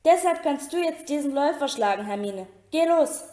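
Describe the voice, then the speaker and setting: An urgent, commanding young boy wizard at a chess game, as a woman reads him aloud. He gives quick orders in a slightly raised voice, in a roomy-sounding storybook reading. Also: high voice, expressive, warm tone, pitched above the performer's own voice.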